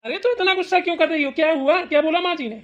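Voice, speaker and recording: Woman doing a lazy cartoon husband, lower voice, a bit distant, fast and placating. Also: muffled recording. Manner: easygoing, placating. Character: lazy grown son eating, mild husband. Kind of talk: cartoon voice acting.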